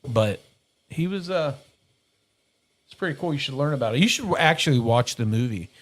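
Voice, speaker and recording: A middle-aged man talking loosely on a podcast, wandering through his points and correcting himself as he goes. He laughs easily and keeps a relaxed, chatty flow. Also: medium pitch, normal speed. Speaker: podcast host. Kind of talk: casual chat.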